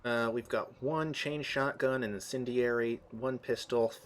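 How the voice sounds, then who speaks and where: A man's voice: mid-range voice, steady tone, a little slow. Rambling man streaming a strategy game. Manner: rambling, trivia-filled explanations with frequent restarts. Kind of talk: casual gameplay chat.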